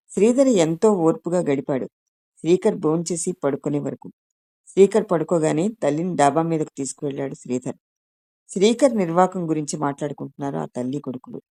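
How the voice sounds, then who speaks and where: A woman calmly reading a written story aloud as narration. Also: low-pitched, brisk, no room sound, studio quality. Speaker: story reader. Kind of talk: scripted audiobook narration.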